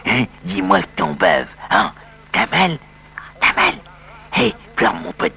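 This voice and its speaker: A man's voice: low voice, huge pitch swings, pushed and bright, slight background noise, pitched below the performer's own voice, exaggerated voice. A man playing a gloating sadist. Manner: taunting, relishing, drawn-out. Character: sadistic man gloating over a weeping friend. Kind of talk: comic sketch acting.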